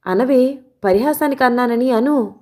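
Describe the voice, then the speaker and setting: An earnest young woman pleads with her friend, insistent and urgent, as read by a woman narrating a novel. Her voice is mellow and warm, and the reading is audiobook-style. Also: on the high side, normal speed, pitched above the performer's own voice, lightly acted. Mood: pleading.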